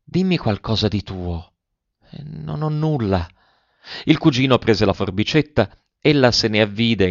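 A man narrating a literary audiobook in a measured, expressive reading. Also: lowish voice, dry recording. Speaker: audiobook reader. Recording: dull, dry, lo-fi recording.

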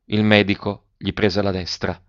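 A man narrates a novel in a measured, grave reading. His voice sits low. The sound is dry with no room echo, and the recording is somewhat dull. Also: level tone. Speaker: audiobook narrator. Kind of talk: scripted narration.

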